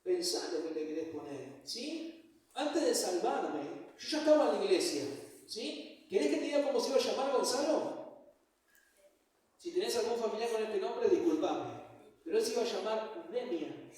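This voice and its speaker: A man's voice: high-pitched, expressive, moderate pace, darkish tone. A man with an Argentine accent preaching a sermon in a chatty, joking way, often checking in with his listeners. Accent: Argentine Spanish. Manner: conversational, joking, checks in with frequent "¿sí?". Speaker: pastor. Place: church hall. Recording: echoey church hall, mic far off.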